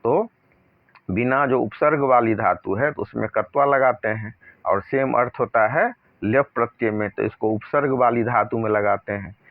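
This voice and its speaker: A man teaching a grammar lesson, reading example sentences slowly and deliberately, then explaining them in plain speech. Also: medium pitch, dry recording. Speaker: Sanskrit teacher. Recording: dry, narrow phone-like sound.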